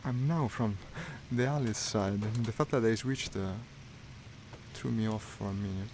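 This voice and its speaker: Streaming a flight simulator, a gaming streamer offers wry live commentary as he plays, half talking to himself. His voice sits on the low side at a normal speed, and the stream audio is noisy.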